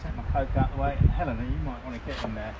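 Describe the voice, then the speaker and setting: A man's voice: medium pitch, fairly even intonation, very fast, dull audio. A man running a live outdoor cooking demonstration, chatting casually and laughing as he cooks and eats. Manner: chatty, talks while eating, laughs often. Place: outdoors by a barbecue grill. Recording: noisy outdoor background.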